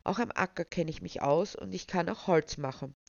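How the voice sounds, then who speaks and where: A woman's voice: fairly low pitch, normal speed, gravelly, dry recording, highs cut off. Woman voicing a shy, eager village girl. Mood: earnest. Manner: soft and earnest.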